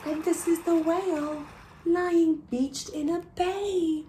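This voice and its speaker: A woman reading a rhyming picture book aloud to children in a slow, sing-song way. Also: extremely high pitch, steady tone, background noise. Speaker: children's story reader.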